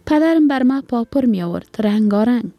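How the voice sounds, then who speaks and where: A woman's voice: fairly high pitch, expressive, no echo, lo-fi sound, voice pushed up. A woman doing a barefoot Afghan little girl. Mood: curious. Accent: Afghan Dari. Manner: raised childlike voice, plain Dari dialect.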